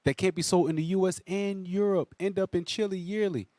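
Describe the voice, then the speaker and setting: A man's voice: sits high, fairly even intonation, fairly quick, mellow, no room sound. A man talking casually as a panelist in a group news discussion, slangy and emphatic, often repeating himself.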